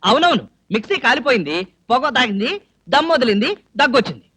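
A mischievous, bumbling husband chatters in a teasing, playful way. His voice is bright and very lively, swinging up and down as he wriggles out of trouble. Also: very high voice, fast, slightly rough, exaggerated voice. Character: mischievous bumbling husband, middle-aged man. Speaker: comic husband. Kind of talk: Telugu film comedy acting.

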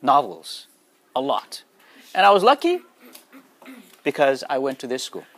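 Addressing schoolchildren, a man in his forties from Nepal, whose native language is Nepali, delivers an earnest motivational talk, frequently checking in with questions for them. His medium-pitched voice is a bit bright, swoops wildly in pitch and moves a little slowly.

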